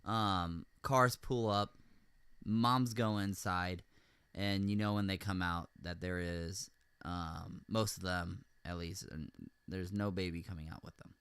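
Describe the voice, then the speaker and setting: A man's voice: low voice, fairly even intonation, slow pace, a bit bright, smooth, no echo. A man hosting a casual talk show from home, chatting loosely with many fillers and frequent laughs. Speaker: host. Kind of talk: casual chat. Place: room at home with window open.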